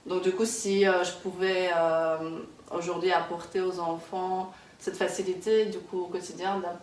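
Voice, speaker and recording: Woman, 30s, from Kazakhstan, lowish voice, casual interviewee who hesitates a lot, recorded far from the mic. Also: little pitch movement, a little slow. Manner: hesitant, many fillers and restarts. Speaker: interviewee, early childhood worker. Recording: echoey room, distant mic, background noise.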